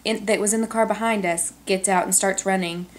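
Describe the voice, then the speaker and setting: A young adult woman vlogger telling a story in a casual, animated way, full of "like"s, recorded at home on a camcorder. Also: mid-range voice, brisk, a little hiss or hum. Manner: animated, chatty, many "like"s. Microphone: camcorder on tripod.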